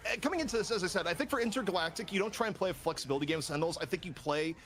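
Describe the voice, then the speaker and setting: A man calling an esports match play by play, building excitement on big moments and offering analysis between fights. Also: sits high, racing, slight background noise. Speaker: esports caster. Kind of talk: hype play-by-play commentary.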